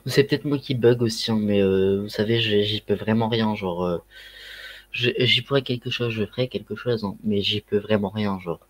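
A man's voice: lowish voice, normal speed. A man with a Ch'ti accent chatting casually on a livestream through a headset mic, rambling with lots of fillers and slang. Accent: Ch'ti (northern French). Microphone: headset microphone.

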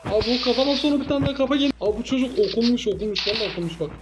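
A man giving excitable gameplay commentary as a gaming YouTuber, teasing his opponent with playful trash talk. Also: very high-pitched, racing, over music, low-quality recording.

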